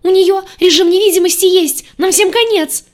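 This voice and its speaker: A woman's voice: very high voice, normal speed, pitched above the performer's own voice. A woman voicing a jittery green alien crewman who squeals in alarm, in an audiobook. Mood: panicked.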